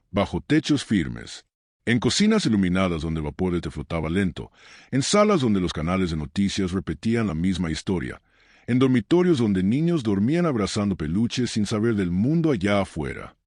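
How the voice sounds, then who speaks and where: Man, deep voice, expressive melody, scripted story narration, dry close sound. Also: no echo. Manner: measured, dramatic pauses.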